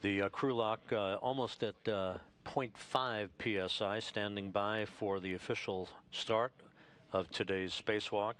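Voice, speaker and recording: A man with a fairly low voice provides live commentary from mission control. His delivery is official and measured, with halting phrasing as he reports on a spacewalk. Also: fairly even intonation, fairly bright tone.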